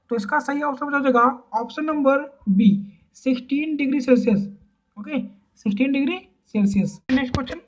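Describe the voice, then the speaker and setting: A woman teaching a quiz-style exam-prep lesson. She asks each question, then repeats the answer, with drawn-out fillers. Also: high voice, a bit bright. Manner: drawls and repeats words, frequent fillers.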